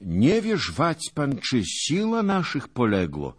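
A man voicing a modest, gentle nobleman knight who speaks mildly in an audiobook. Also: medium pitch, wildly swooping pitch, slow, slightly rough, pitched above the performer's own voice, full character voice. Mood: meek. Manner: gentle, mild.

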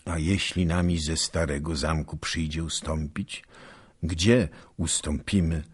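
A man voicing a worried old general who speaks gravely with a breaking voice. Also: a bass voice, steady tone, unhurried, heavily acted. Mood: grave worry. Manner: grave, broken voice.

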